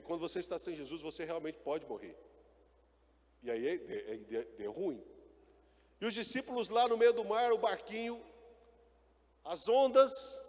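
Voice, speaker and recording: A man preaching a sermon in a hall with long, trailing reverb. His voice sits somewhat high, and he calls for answers from the congregation before surging into loud, emphatic lines. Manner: preaching with call-and-response and rising emphatic bursts. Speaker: pastor.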